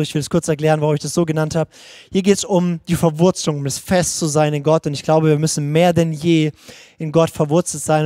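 A man's voice: a little high, warm tone, dry recording, studio quality. A man preaching a livestreamed sermon in a personal, searching way, often restarting his sentences. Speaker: pastor.

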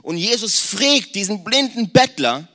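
A man around forty preaching a lively sermon in a conversational tone, speaking straight to the congregation. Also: high-pitched, unhurried. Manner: conversational, addresses the congregation directly, mixes in English slang words. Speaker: pastor.

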